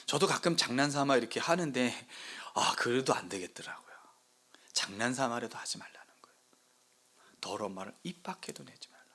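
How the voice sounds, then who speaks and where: A man preaches as pastor of a new church, posing rhetorical questions to the congregation and swinging between loud emphasis and hushed whispers. His voice is medium-pitched, fairly quick, with a breathy edge.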